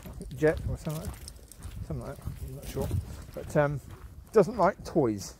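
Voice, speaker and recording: A man's voice: fairly high pitch, lively intonation, normal speed, noisy background. A man chatting casually as he walks his dogs outdoors along a countryside path, rambling and often restarting or trailing off. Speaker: vlogger and dog owner. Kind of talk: walk-and-talk vlog.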